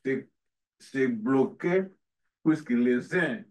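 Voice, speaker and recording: A man, asking a panel a long question in an earnest, halting way. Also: mid-range voice, a little mellow. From Democratic Republic of the Congo. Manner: halting, restarts often, earnest. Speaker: audience member asking a question. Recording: from far off in a room.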